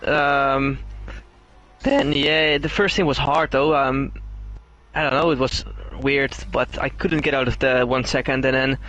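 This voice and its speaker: A man's voice: medium pitch, steady tone, a little slow, fairly bright tone, faint music behind, low-quality recording. Laid-back young-sounding guy after winning. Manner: loose and laid-back, lots of "um", casual swearing. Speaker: winning driver being interviewed. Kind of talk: casual post-race interview.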